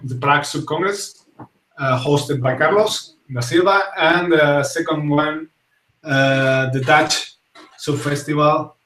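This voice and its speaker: Spanish-accented male host, young, slightly high voice, slow and hesitant, roomy distant sound. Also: fairly bright tone. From Spain. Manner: hesitant, many fillers and restarts. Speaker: talk show host. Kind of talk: casual live-stream talk show. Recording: echoey room, voice set back from the mic.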